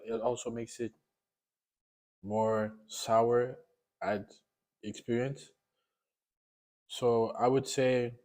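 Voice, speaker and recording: A man's voice: mid-range voice, darkish tone. A man giving a casual, unscripted taste-test review while eating sour candy, often repeating and rephrasing himself.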